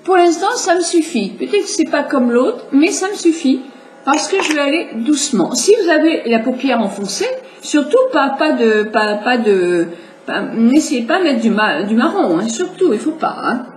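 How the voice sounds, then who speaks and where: A middle-aged woman with a slight cold hosts a makeup tutorial, chatting directly to viewers and explaining each step as she goes. Her high voice is expressive and moves at a moderate pace. The room is echoey, with faint hiss behind her.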